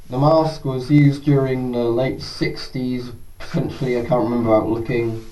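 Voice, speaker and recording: A man gives a casual product test commentary from inside a gas mask. His voice is muffled and dull, with little brightness. It sounds set back from the microphone, with a faint layer of noise. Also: medium pitch. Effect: voice through a gas mask. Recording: distant mic, faint background noise.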